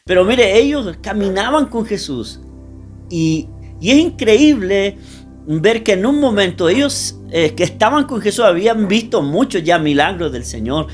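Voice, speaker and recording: Higher-voiced man preaching emphatically. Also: lively intonation, measured pace, faint music behind. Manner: emphatic preaching, often addresses listeners directly. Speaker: pastor. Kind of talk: sermon.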